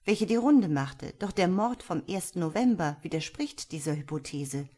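A woman voicing a seasoned female police detective, speaking in a brisk, matter-of-fact way. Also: on the low side, expressive, darkish tone. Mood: frustrated.

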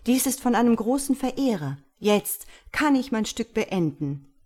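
A woman reading a fairy tale aloud and voicing a poor young male student, pleased and quickened. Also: a little high, very animated, darkish tone, voice pushed up.

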